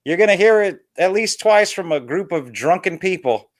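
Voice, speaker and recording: A man co-hosting a podcast, chatting casually and joking, teasing his co-hosts with quick laughs. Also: high voice, lively intonation, no room sound, clean studio sound. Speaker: podcast co-host. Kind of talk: casual chat about a novel.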